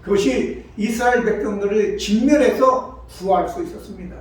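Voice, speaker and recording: Man, pastor, sermon, very high voice, distant mic, echoey church hall. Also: moderate pace. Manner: acts out quoted voices with sudden shouts. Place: church sanctuary.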